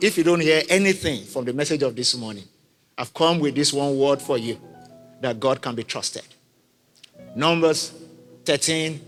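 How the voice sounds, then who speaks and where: A man's voice: a little high, a bit bright. Emphatic preacher man in an echoey hall. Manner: emphatic preaching with repeated phrases and call-and-response. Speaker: pastor. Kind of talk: sermon. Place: large church hall. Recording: echoey hall with faint music.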